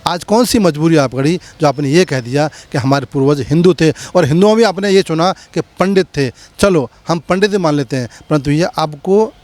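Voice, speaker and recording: A man's voice: fairly high pitch, moderate pace, hardly any pauses, a little mellow, no echo. A man, a community leader, answering interview questions in a rhetorical, impassioned speechmaking manner with many repetitions.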